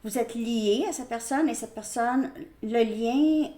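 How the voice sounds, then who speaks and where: A woman's voice: a little high, takes it slowly, warm tone, roomy sound. A woman with a Québécois French accent giving a casual tarot reading. She talks to her viewers in a chatty way and repeats herself. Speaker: tarot reader.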